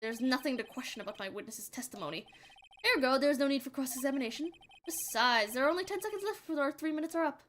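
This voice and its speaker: A woman's voice: high voice, fast talker, fairly bright tone, a little hiss or hum. A woman voicing an arrogant older male prosecutor who speaks in a clipped, scornful way.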